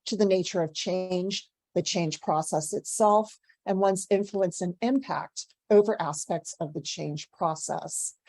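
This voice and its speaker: A young woman presents her doctoral research at a conference with an earnest, guiding manner. Her voice sits low and mellow. The sound is dry and close, with no room around it. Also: dry recording. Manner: warm, earnest, guides the listener through a breathing exercise. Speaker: PhD student presenting research. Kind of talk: academic conference talk.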